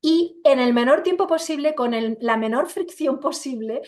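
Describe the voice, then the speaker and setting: A woman's voice: sits high, moderate pace, a little mellow. A middle-aged woman, speaking as a coach and interview guest over a computer video call, emphatic and full of rhetorical questions. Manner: acts out quoted voices while explaining. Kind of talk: casual conversational interview.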